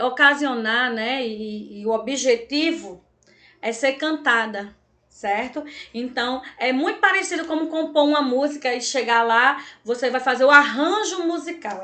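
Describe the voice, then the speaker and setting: A woman with a slightly high, sharp voice teaches Portuguese in an online class, speaking with a Brazilian accent. She checks in with students often, using "tá, gente?" and "certo?" every few lines.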